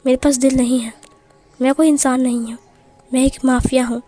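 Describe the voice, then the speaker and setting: A woman's voice: high voice, little pitch movement, brisk, dark tone, faint music behind. A woman voicing a short-tempered young male mafia boss who snaps and threatens. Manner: snapping, threatening, bossy.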